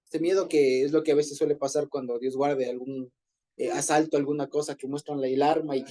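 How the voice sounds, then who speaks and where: A man's voice: fairly high pitch, steady tone, fairly quick, warm tone. A man leading an informal group Bible study, explaining Hebrew words in a conversational way and often rephrasing himself.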